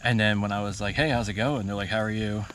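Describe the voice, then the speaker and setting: A middle-aged man vlogging outdoors while standing waist-deep in a river, talking bluntly and swearing freely, recorded on an action camera. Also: steady tone, fast, a bit bright. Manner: blunt, swears freely, talks straight to viewers. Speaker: fishing vlogger. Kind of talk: casual outdoor vlog. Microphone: action camera mounted on the kayak. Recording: outdoor camera audio with water noise.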